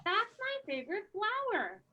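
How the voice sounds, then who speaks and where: A woman's voice: extremely high pitch, sing-song, a little slow, pushed and bright, heavily acted. A woman voicing a small, cheerful animal mascot who serves as an eager, playful bingo caller. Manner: playful, eager, simple short phrases. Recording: dull lo-fi online call audio.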